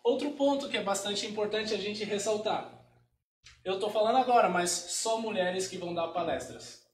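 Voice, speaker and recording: A man's voice: high voice, lively intonation, moderate pace, slight background noise. A man hosting a tech meetup and giving casual welcoming remarks. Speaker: meetup organizer and host. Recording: echoey room, distant mic.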